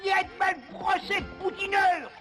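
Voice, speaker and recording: Shrill, pompous cartoon warlord. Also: male voice, level tone, measured pace. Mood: angry, blustering. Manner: blustering, shouting insults. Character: pompous, hot-tempered, dim-witted male warlord villain. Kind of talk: French animated cartoon voice acting. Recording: lo-fi VHS cartoon soundtrack, loud music.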